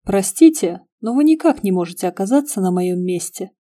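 Brief: a woman voicing a courteous, wistful middle-aged gentleman, mellow. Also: medium pitch, animated, a little fast, lightly acted. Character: polite, sad middle-aged male restaurateur.

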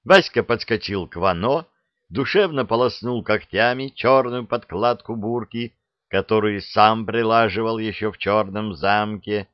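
A man's voice: lowish voice, no echo. A man reading an audiobook aloud in a playful, theatrical way. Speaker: audiobook narrator. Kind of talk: expressive audiobook narration. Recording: dry, dull lo-fi recording.

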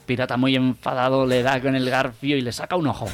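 A man's voice: medium pitch, level tone, brisk, soft background music. A man with a Spanish accent, co-hosting a radio comedy show and telling jokes in a plain, matter-of-fact way. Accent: Spain.

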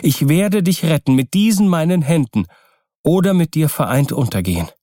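Man doing a high, fervent young wife. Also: expressive, moderate pace, mellow, no echo, studio quality, natural voice. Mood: impassioned. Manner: pleading, raised and earnest. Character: young woman, devoted and determined wife. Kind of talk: audiobook reading.

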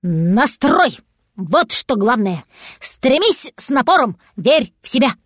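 A woman voicing a brisk, bossy male dachshund who coaches with emphatic exclamations, in a storybook reading. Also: on the high side, big pitch swings, dry recording, clean studio sound, full character voice. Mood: instructive.

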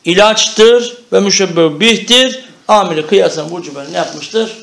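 A man's voice: high-pitched, unhurried, vocal fry, fairly bright tone. A man teaching an Arabic grammar lesson, explaining step by step and often checking that the class understands.

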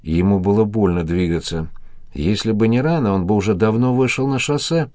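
A man narrating an audiobook in a steady, even reading voice. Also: on the low side, fairly quick, no echo, studio quality. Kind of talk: scripted narration.

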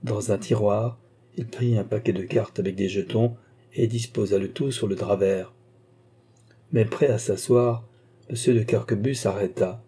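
A man reading a classic novel aloud as an audiobook narrator, in measured, even storytelling. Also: on the low side, slightly rough. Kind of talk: scripted narration.

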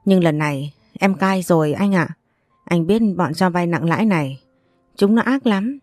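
A woman's voice: on the low side, animated, normal speed, a little mellow, no room sound, clean studio sound, soft background music, lightly acted. A woman voicing a remorseful younger man who begs his older brother for rescue in a read-aloud story. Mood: begging. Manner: begging, remorseful. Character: desperate younger man, gambler begging forgiveness.

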